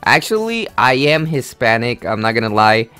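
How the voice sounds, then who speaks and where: A man's voice: medium pitch, sing-song, normal speed, sharp tone, clear, resonant tone, no room sound, faint music behind. An eighteen-year-old man from Honduras hosting a casual Q&A vlog, rambling with lots of fillers and an easygoing manner. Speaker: gaming channel host.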